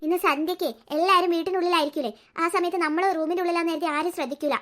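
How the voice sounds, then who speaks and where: Woman voicing a cartoon teen big sister, high, bright, quick, soothing. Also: steady tone. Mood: reassuring. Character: earnest teenage girl, protective older sister. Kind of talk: cartoon voice acting.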